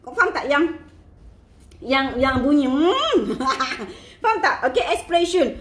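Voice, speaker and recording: Chatty Malaysian woman, high and echoey. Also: lively intonation, unhurried, a bit bright. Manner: chatty, playful, code-switching with English, laughs often. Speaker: online seller coaching her team. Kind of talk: casual marketing tips talk.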